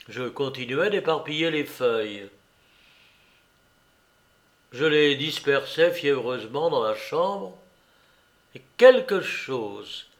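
A man narrating a story aloud in a slow, measured, storytelling manner. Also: mid-range voice. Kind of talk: audiobook narration.

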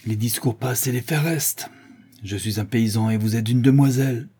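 A man reading a novel aloud, voicing a bitter, brooding young peasant hunter in a low, sombre tone. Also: normal speed, dark tone, husky.

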